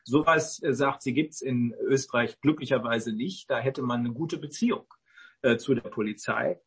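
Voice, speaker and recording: A man in casual online talk, rambling and halting with many fillers. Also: medium pitch, fairly bright tone, breathy edge.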